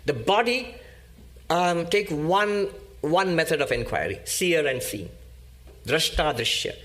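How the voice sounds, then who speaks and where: A man giving a spiritual discourse as a monk, teaching slowly and emphatically with pauses and repetition. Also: fairly high pitch, lively intonation, a bit bright.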